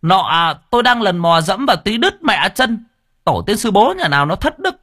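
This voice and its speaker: Foul-mouthed working diver, high and rough. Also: male voice, sing-song, normal speed, heavily acted. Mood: irritated. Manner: cursing, loud and coarse.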